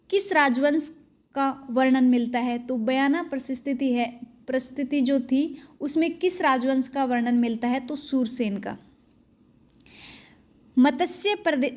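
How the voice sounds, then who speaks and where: A young woman teacher working quickly through exam questions, asking each question and then giving the answer. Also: high-pitched, darkish tone. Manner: fast, brisk question-and-answer delivery. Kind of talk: exam-prep quiz lesson.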